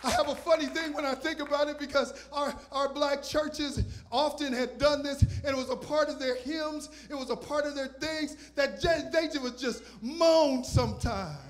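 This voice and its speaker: High-voiced preacher, shouting and hushing. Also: male voice, normal speed, few pauses. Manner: preaching with rising shouts and hushed asides. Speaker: visiting pastor. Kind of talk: sermon. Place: church stage with purple lights. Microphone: handheld microphone.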